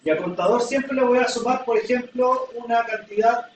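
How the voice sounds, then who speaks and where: Speaking at normal speed in a very high-pitched voice, a man teaches his class with patient explanations and everyday examples, pausing often to check comprehension. He's heard from far off in an echoey room with slight background noise.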